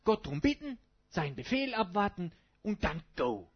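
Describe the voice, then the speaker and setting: Male pastor giving a sermon in a casual tone, with an animated, husky voice on a dull lo-fi recording. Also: high-pitched, moderate pace. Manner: colloquial, asks the congregation rhetorical questions.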